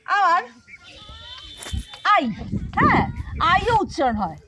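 A woman's voice: extremely high pitch, wildly swooping pitch, takes it slowly, sharp tone, slight background noise, poor audio. A woman, patiently teaching children English pronunciation and spelling, speaking directly to her students. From India.

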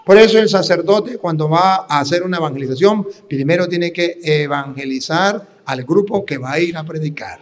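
Preaching priest in a reverberant hall. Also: male voice, on the high side, moderate pace, few pauses. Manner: teaching, asks the audience questions. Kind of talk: sermon. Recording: long reverb of a large hall.

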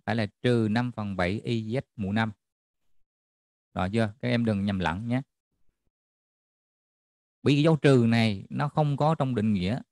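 A man's voice: mid-range voice, no room sound, clean studio sound. A man tutoring a math class online, checking in often with students as he explains. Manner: checks in often with students, repeating "được chưa?".

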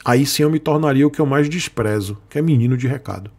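A man's voice: medium pitch, quick pace, darkish tone, slightly rough. Rambling Brazilian man addressing viewers. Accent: Brazilian Portuguese. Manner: rambling, repeats himself, speaks to viewers as "gente". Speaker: sponsored motorcycle content creator. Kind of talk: casual monologue to viewers.

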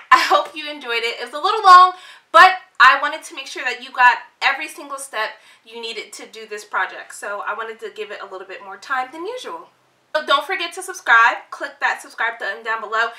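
A woman in her thirties speaking as an animated vlogger, addressing viewers directly in an upbeat tutorial sign-off. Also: high-pitched, recorded from a distance. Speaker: vlogger, craft tutorial host. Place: small room at home, indoors.

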